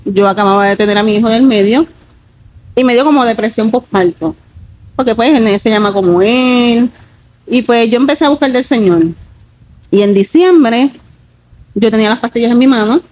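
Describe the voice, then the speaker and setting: A woman's voice: a little high, moderate pace, pauses often, a little mellow, no room sound, poor audio. A woman, telling a personal testimony earnestly and leaning on fillers like "pues" and "¿verdad?". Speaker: guest giving a testimony.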